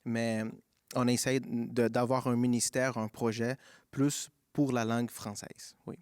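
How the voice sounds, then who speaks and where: A man's voice: medium pitch, flat delivery, measured pace, a little mellow, clear, resonant tone, no room sound, clean studio sound. A man from a vocal group explaining their work, with a hesitant, explanatory manner.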